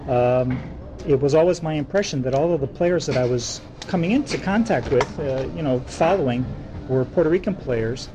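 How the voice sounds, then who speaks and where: Male interviewer asking measured questions. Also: mid-range voice, rough recording. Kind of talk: oral history interview.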